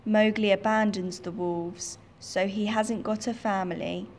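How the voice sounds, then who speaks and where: A woman narrating a simple storybook for learners in short, clear sentences. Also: medium pitch, fairly even intonation, a little slow, a little mellow.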